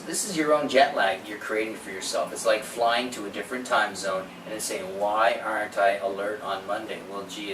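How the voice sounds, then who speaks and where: Echoey, distant man giving a health talk. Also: mid-range voice. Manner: conversational, opinionated, uses rhetorical questions and quoted asides. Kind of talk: informal health seminar lecture. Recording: echoey room, distant mic, background noise.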